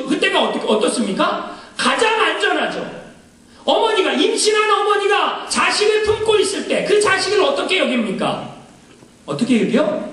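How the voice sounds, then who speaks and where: Male pastor, sermon; high voice, lots of rhetorical questions to the congregation, shouted scripture quotes, echoey hall. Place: church sanctuary. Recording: echoey church hall, mic at a distance.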